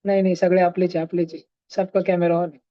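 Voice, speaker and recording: A man's voice: sits high, level tone, quick pace, no echo. A man, teaching science in an online class and teasing his students. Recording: dull, dry online-class audio.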